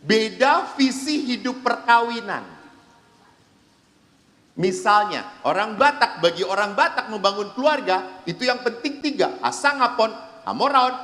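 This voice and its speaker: Brief: a high-voiced priest preaching, full of animated storytelling, with a long reverb from a large hall. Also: male voice, unhurried. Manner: lively storytelling with acted-out quotes. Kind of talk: seminar sermon. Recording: echoey hall.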